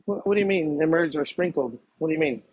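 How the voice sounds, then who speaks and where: A man's voice: a little high, fast talker, phone-quality sound, a little hiss or hum. A man talking casually in an interview, hesitant and repeating himself, laughing easily as he answers questions about faith. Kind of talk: casual conversation.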